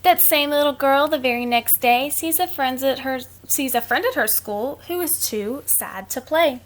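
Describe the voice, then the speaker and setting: Reading picture books to kids like a classroom teacher, a woman speaks in a high voice at a moderate speed. Her delivery is lively, and she adds casual little comments to explain things in plain terms.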